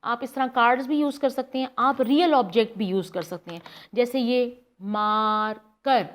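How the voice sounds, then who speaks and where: A woman, guiding parents step by step and demonstrating words slowly. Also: high voice, expressive. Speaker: speech therapy guide for parents. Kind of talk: instructional demonstration.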